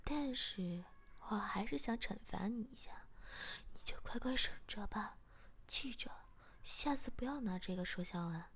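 A woman's voice: medium pitch, lively intonation, unhurried, a bit bright, slightly rough, heavily acted. A woman voicing a teasing, domineering man in whispered role-play, with a bossy manner.

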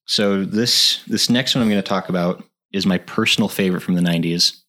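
A man co-hosting a podcast, chatting casually and enthusiastically, laughing often and filling pauses with "like" and "uh". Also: sits low, pushed and bright. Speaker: podcast co-host. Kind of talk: casual chat.

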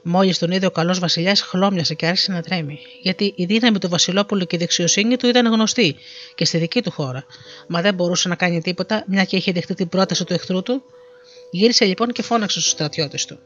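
Here the fairy tale comes from a storyteller whose medium-pitched reading is full of life, set against faint background music. The audio sounds dull and lo-fi.

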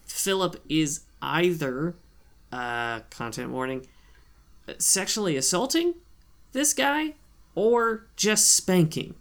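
A man's voice: fairly high pitch, fairly bright tone. A man co-hosting a casual podcast chat, talking loosely with frequent fillers and asides. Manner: chatty, lots of fillers and asides. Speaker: podcast co-host.

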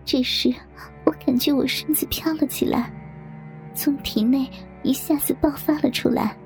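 A young woman reading a story aloud in hushed, intimate whispered narration. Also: sits high, fairly even intonation, a little slow, faint music behind. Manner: hushed, intimate, breathy delivery.

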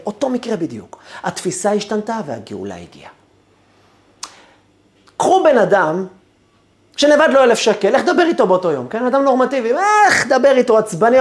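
A male rabbi delivers a spirited lecture, his voice swinging widely up and down as he presses his points. He asks rhetorical questions and answers them himself, mixing teaching with vivid storytelling. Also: sits high. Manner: expressive, emphatic, rhetorical questions.

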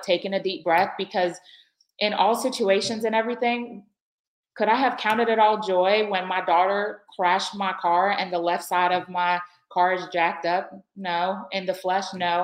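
A middle-aged woman telling a candid, lively personal story in a casual faith-based chat. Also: mid-range voice. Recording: echoey room.

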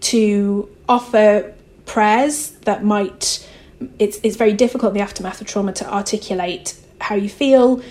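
A woman's voice: medium pitch, a little mellow. A woman author and theologian answering interview questions in a reflective way, thinking aloud as she goes.

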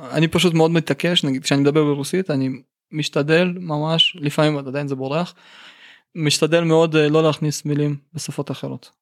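Creaky-voiced man with a Russian accent. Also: fairly high pitch, steady tone, no echo, studio quality. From St Petersburg, Russia. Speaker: musician, interview guest. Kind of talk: casual interview talk.

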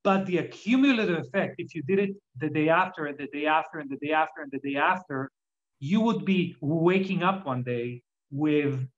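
In a muffled lo-fi recording, an Israeli-accented man from Israel speaks at a moderate pace in a slightly high voice. The chat is casual and reflective, and he illustrates his points with examples.

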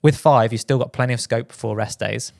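British male podcast co-host, rapid delivery, dry close-mic sound, casual chat. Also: medium pitch, fairly even intonation, vocal fry, a little mellow, no room sound. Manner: quick, with frequent restarts and fillers.

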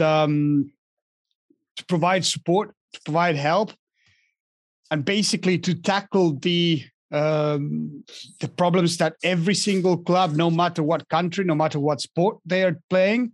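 Young guy from argentina on a podcast call, kinda high voice, stops and restarts a lot, dead dry audio. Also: no echo. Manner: halting, many restarts and fillers. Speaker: guest. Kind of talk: casual interview over a call.

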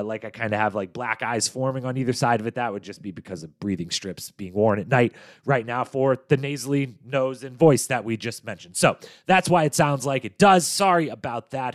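A man's voice: medium pitch, dry recording, clean studio sound. A man hosting a casual podcast, with a nasal voice made stuffier by a cold, chatting playfully into a microphone in a small room. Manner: chatty, self-promoting, playful asides. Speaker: podcast host. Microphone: studio microphone.

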